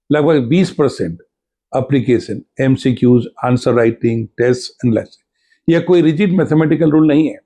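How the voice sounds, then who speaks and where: A man teaching an exam-strategy lesson in a measured, deliberate way, listing points one by one. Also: mid-range voice, warm tone.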